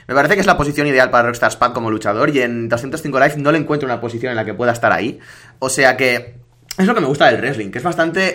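A man hosting a casual podcast, talking quickly and energetically as he reads out listener questions. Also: medium pitch, sharp tone. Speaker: podcast host. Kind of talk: casual wrestling podcast chat.

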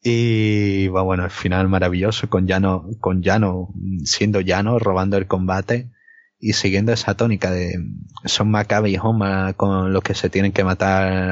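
A man with a deep voice and little melody chats through his opinions on wrestling. He is hesitant and often repeats words. The recording is dull and lo-fi. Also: no echo. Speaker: wrestling show co-host. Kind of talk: casual wrestling review and opinion. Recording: dull, lo-fi, dry microphone sound.

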